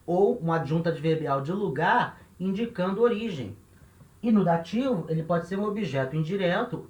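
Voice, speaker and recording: Man, Brazilian Portuguese accent, teacher at a board, patient, repeats points, a bit high-pitched, roomy echo. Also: a little mellow. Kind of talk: grammar lesson at a board.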